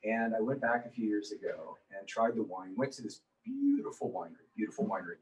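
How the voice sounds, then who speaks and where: A man's voice: on the low side, huge pitch swings, quick pace, a little mellow, recorded from a distance, slight background noise, poor audio. A man hosting a casual interview, rambling loosely with fillers. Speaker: radio talk show host.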